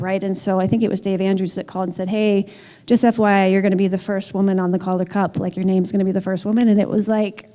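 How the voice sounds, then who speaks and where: A woman's voice: medium pitch, warm tone. A woman team executive speaking candidly and emphatically on a panel, with frequent filler words. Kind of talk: panel discussion. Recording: long hall reverb.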